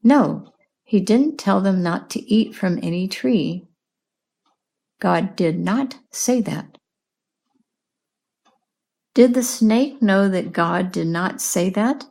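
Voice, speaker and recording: A woman teaching English in a slow, clear lesson, patiently asking questions and repeating answers. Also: mid-range voice, darkish tone. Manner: patient, repeats and explains words.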